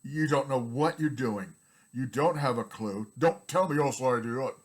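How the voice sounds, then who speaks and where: A man's voice: medium pitch, unhurried. A man ranting bluntly and repetitively in a vlog, coughing now and then, his throat strained from talking so long. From United States. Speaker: vlogger.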